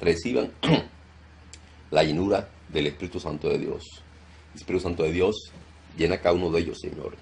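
A male pastor leading a deliverance prayer, loudly commanding and rebuking in a forceful preaching style. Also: low voice, moderate pace, gravelly, long pauses, slight background noise.

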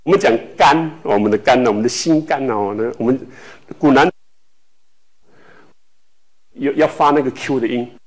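A man from Taiwan teaching a language class, speaking slowly with many filler tags and repeating words for students to echo. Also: mid-range voice. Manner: filler-heavy speech with frequent "hou" tags.

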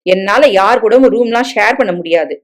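A woman's voice: mid-range voice, normal speed, lightly acted. A woman voicing a harsh, domineering young husband. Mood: scolding. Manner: curt, scolding, barking orders.

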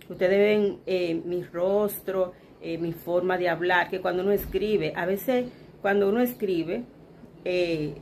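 Chatting from her bedroom, a woman vlogger from the Dominican Republic who has children speaks in Dominican Spanish with a medium-pitched, darkish voice. She addresses her viewers directly as "chicas" and acts out remarks others made to her, and there's slight background noise.

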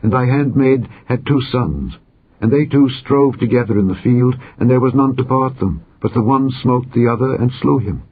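A man's voice: mid-range voice, normal speed, husky, voice pushed up, natural voice. A man reading the part of a pleading widow in mourning, his voice lifted and earnest. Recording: dull lo-fi audio recording.

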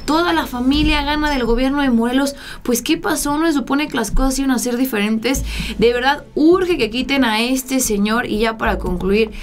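A young woman in her twenties from Mexico, hosting political commentary in a small studio, indignant and talking with her hands. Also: on the high side. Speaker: host. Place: small studio with blue backdrop.

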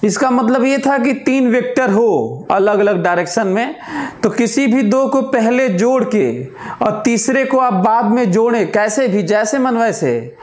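A man teaching a physics lecture, explaining by repeating examples aloud with long pauses and slowly dictating notes. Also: very high voice, lively intonation, a little mellow, echoey room. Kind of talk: classroom lecture.

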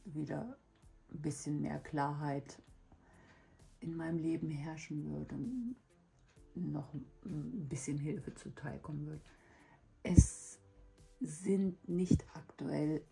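A woman chatting casually and reflectively to her viewers, hoarse from a lingering cough, her weak voice giving out and breaking into breathy whisper. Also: sits low, warm tone, rough recording. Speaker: hobby video host. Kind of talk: casual personal chat to viewers.

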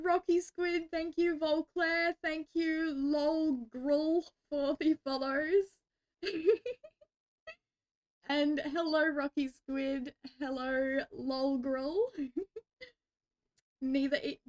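High-voiced Australian woman streamer, unhurried. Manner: chatty, giggly, greets viewers warmly. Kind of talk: casual livestream chat.

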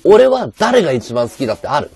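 A man livestreaming with a high-pitched voice and a sore throat, chatting bluntly and casually while reading viewer comments. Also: big pitch swings, a little fast, warm tone. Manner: rough, blunt casual speech.

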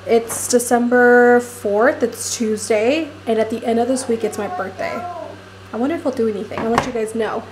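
Excited chatty woman vlogger. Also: on the high side, normal speed, background noise. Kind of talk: casual makeup vlog.

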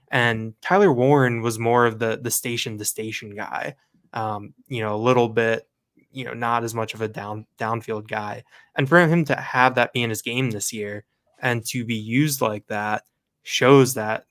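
A man's voice: medium pitch, a bit bright. A man co-hosting a sports podcast, casually breaking down the game and rattling off stats with plenty of fillers. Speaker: podcast co-host.

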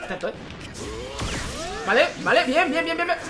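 A man with a Spain Spanish accent giving excitable let's play commentary, with frequent swearing and exclamations. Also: extremely high pitch, moderate pace, over music. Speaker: gaming channel host.

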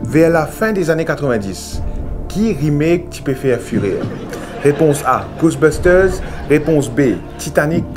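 A man in his thirties with a Mauritian accent, acting as a formal TV game show host who announces with drawn-out key words. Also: a little high, expressive. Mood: formal, suspenseful. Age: 30s. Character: smooth, eager male TV game show host in a parody. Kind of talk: game show host presenting in a sketch comedy. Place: TV studio set. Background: game show music.

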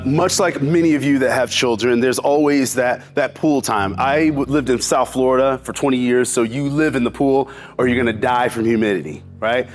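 A man in his forties giving an animated, preacher-like inspirational faith talk, telling stories about his children. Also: mid-range voice. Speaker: motivational speaker.

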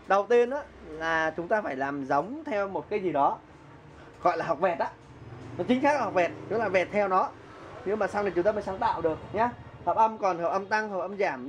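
A man giving a casual keyboard lesson, chatty, counting beats aloud and humming melodies as he plays. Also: high-pitched. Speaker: music teacher. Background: keyboard playing.

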